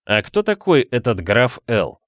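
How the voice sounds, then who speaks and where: A man's voice: mid-range voice, wildly swooping pitch, a little slow, no echo. A man voicing a curious young male ghost who presses questions eagerly in a storybook reading. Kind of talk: audiobook character voice.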